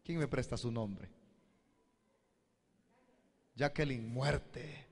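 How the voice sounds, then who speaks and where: A man's voice: fairly high pitch, lively intonation, normal speed, long reverb tail. A man pastor, preaching a sermon and addressing the congregation with questions. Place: church hall.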